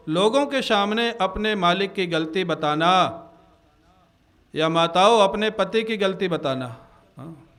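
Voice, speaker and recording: A man's voice: high-pitched, fairly bright tone. A man preaching a devotional discourse at a religious gathering, telling stories, reciting Sanskrit verses and often checking with his listeners. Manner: storytelling, quoting Sanskrit verses, asks the audience "haan?". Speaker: spiritual preacher.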